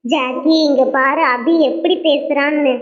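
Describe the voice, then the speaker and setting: A kind-hearted schoolgirl doll who pleads softly with her friend, as a woman voices her in a homemade doll cartoon. She has a high, light voice. The sound is tinny and phone-like. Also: steady tone, measured pace. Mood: pleading. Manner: pleading, soft-spoken. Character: gentle, hurt schoolgirl doll.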